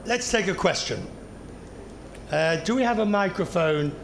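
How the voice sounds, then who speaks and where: Male panel moderator, brisk and high-voiced; noisy room. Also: animated. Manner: brisk, interjecting. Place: conference hall. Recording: noisy conference hall.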